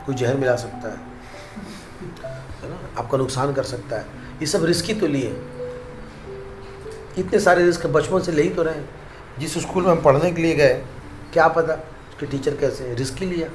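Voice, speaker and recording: A man's voice: medium pitch, roomy sound. A man preaching a casual devotional talk to young people, repeating phrases for emphasis and chuckling at his own jokes. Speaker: monk preacher giving a youth talk. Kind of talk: Hindi devotional talk mixed with English words.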